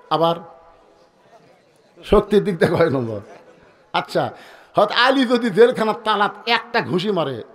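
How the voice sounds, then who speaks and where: High-voiced preacher. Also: male voice. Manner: rhythmic storytelling, calls the crowd to respond, bursts into shouts. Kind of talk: sermon.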